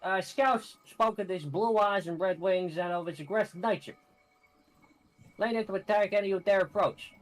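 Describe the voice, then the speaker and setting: Brief: man playing a loud New York wise guy, swears nonstop, higher than his own voice. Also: normal speed, lightly acted. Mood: brash. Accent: put-on New York. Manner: brash, swearing constantly. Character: foul-mouthed brash male guide, New York tough. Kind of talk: reading game dialogue aloud in voices.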